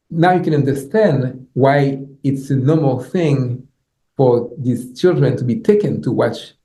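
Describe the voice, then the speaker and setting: A middle-aged Haitian man, a native speaker of Haitian Creole, delivers an academic lecture as a visiting professor in an indoor lecture hall. His medium-pitched, warm voice comes out haltingly as he repeats words and punctuates points with "you know" and "right?" The room sounds echoey.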